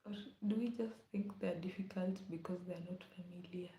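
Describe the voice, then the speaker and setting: A woman's voice: lowish voice, fairly even intonation, brisk, warm tone. A young woman from Kenya chatting casually on a live stream, often slipping into a whisper. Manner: chatty, often drops to a whisper, hums song lines. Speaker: livestreamer. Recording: echoey room.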